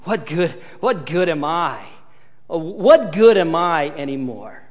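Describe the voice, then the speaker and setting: A man's voice: a little high, animated, slow pace. A man voicing a discouraged male fisherman disciple who talks in a self-pitying, pleading way, in a reverberant hall. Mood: dejected.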